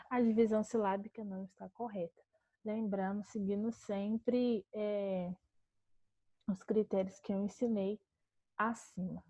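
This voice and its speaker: A Brazilian woman teacher giving a calm online grammar lesson, explaining step by step and slowing to spell out words. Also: mid-range voice, dry recording, muffled recording. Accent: Brazilian Portuguese.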